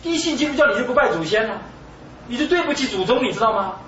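A man with a high, bright voice delivers a Buddhist sermon, emphatic and exclamatory. He keeps firing rhetorical questions at his listeners. The recording is distant and dull, with a roomy echo and faint background noise. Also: expressive, fast. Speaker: Buddhist lecturer.

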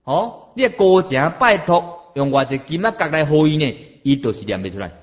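A middle-aged man delivers a Buddhist sermon in a slightly high voice, stretching phrases out and asking rhetorical questions as he preaches. His pitch rises and falls in lively swings. The recording sounds dull and lo-fi. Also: normal speed.

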